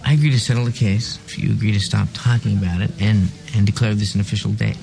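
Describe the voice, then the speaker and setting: Soft-spoken dying tycoon, Boston tinge. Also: male voice, fairly low pitch, fairly even intonation, fast, creaky. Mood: defiant. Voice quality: soft-spoken, hard to hear. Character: dying rich businessman, blunt, defiant man. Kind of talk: TV drama dialogue. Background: bar sounds and music.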